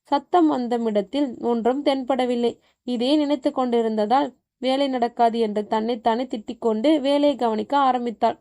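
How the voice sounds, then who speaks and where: A woman reading a horror story aloud as a storyteller, in an even, measured way. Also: a little high. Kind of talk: scripted horror story narration.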